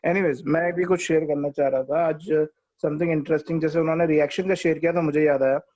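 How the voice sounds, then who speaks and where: A man with an Indian English accent telling a personal story on an online call in casual chat, animated and switching between Hindi and English. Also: fairly high pitch, a little fast, no room sound, highs cut off. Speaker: participant.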